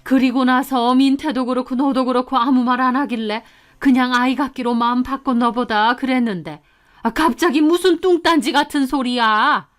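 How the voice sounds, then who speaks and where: A woman's voice: fairly high pitch, measured pace, lightly acted. A woman voicing an angry older mother-in-law in an audiobook story, scolding in indignant outbursts. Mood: furious. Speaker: narrated story character.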